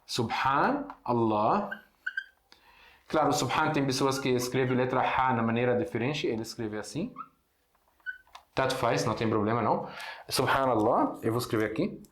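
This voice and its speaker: Syrian man, native Arabic speaker, mid-pitched, teaching a relaxed lesson with lots of fillers, recorded in a roomy echo. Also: a little fast, a little hiss or hum. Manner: hesitant, many fillers and restarts, explains with examples. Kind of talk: casual online language lesson. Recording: echoey room.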